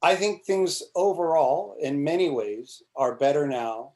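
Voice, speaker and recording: Unhurried and mellow, with a voice on the high side, a man in his forties appears as a congressional candidate guest on a video call. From a small room with a plain wall, picked up by his webcam, he chats casually, rambling, restarting often, filling pauses and swearing now and then.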